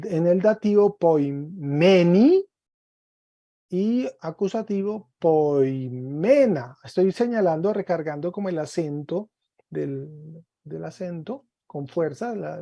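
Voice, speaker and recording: A man's voice: sits high, warm tone, no room sound, muffled recording. A man teaching a Greek class online, patiently drilling word forms and encouraging his students.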